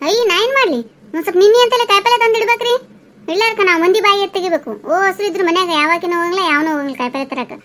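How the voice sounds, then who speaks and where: A grumbling old village housewife, voiced by a woman, rattles off gossip and scolding at a racing clip in a high, thin voice. She has a North Karnataka Kannada accent and a tongue quick to fire back. Faint room ambience hums behind her in this cartoon. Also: a bit bright, a little hiss or hum. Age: older. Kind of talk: comic cartoon voice acting.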